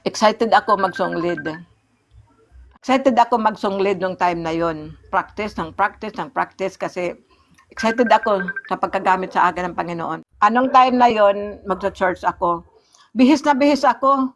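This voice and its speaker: A woman telling her personal faith testimony in conversation, earnest and halting, acting out remembered dialogue. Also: mid-range voice. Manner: earnest storytelling, often pauses and restarts; replays remembered dialogue in a raised voice. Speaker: church member giving testimony.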